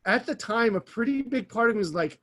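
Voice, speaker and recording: A man's voice: very high voice, expressive, brisk, a bit bright. A man co-hosting a podcast, telling stories in a rambling, enthusiastic casual chat. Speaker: podcast co-host.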